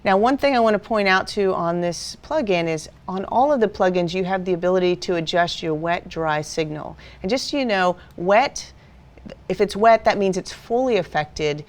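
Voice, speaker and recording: A woman instructor calmly explaining audio editing steps in a screen-recorded software tutorial. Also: medium pitch, moderate pace. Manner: patient step-by-step explaining.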